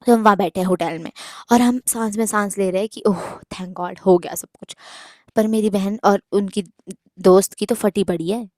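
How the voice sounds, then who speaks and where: A young woman vlogger telling a story in a casual, animated way, mixing in English words and swearing. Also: medium pitch, normal speed, no echo, studio quality.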